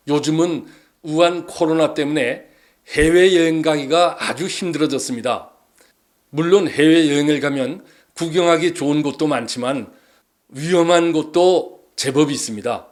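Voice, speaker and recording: A man's voice: a little high, rapid-fire. A man hosting a show, delivering a scripted introduction as a presenter. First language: Korean. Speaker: host.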